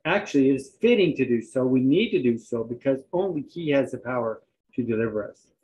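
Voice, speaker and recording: A man's voice: mid-range voice, animated, darkish tone, a little hiss or hum, poor audio. Man preaching, reading scripture aloud. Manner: reads scripture aloud, pausing for interpreter. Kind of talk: sermon preached in English.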